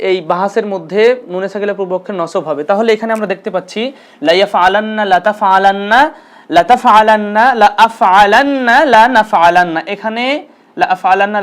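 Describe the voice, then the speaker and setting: A man's voice: high voice, clean tone. A man teaching an Arabic grammar lesson, patiently repeating terms and asking and answering his own questions.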